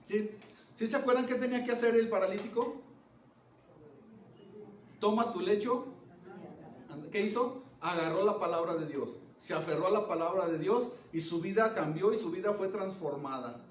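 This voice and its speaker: Male preacher, high pitch, sermon with frequent questions to the congregation, loud-to-hushed dynamics; distant mic, roomy church echo. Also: moderate pace, long pauses. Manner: questions the congregation often, checking with "¿Ok?"; swings from loud emphasis to hushed low phrases. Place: church hall. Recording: echoey church room, voice from a distance, faint background noise.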